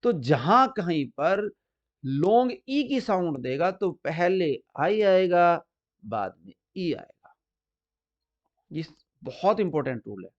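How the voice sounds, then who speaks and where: A man teaching English spelling rules, explaining slowly and repeating examples, stressing the key words. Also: high-pitched, big pitch swings. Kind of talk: explanatory lesson. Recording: dull lo-fi recording.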